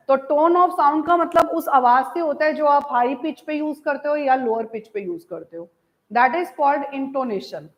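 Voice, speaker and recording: Her voice sitting high and the sound lo-fi, a woman with an Indian English accent teaches online. She addresses students as "beta", blends Hindi with English, reads important lines out slowly and repeatedly asks if it is clear.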